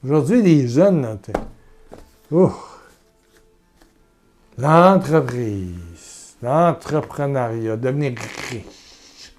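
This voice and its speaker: A man with a Québécois French accent preaching a sermon and leading a guided prayer. He is earnest and repetitive, swinging from loud urging to soft murmurs. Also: mid-range voice, animated, drawn-out words, long pauses, soft background music.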